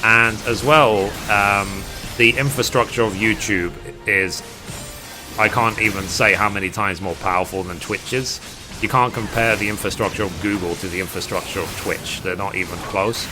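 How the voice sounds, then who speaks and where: A British-accented gaming streamer with a lowish voice chats casually with his live stream viewers at a moderate pace. He rambles at length, reading chat aloud and replying, with music in the background.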